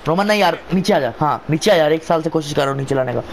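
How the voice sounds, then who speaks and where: A man giving excited, chatty play-by-play of a wrestling video game like an informal commentator, often repeating his phrases. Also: fairly high pitch, very fast, gravelly, slight background noise. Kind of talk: excited casual gameplay commentary.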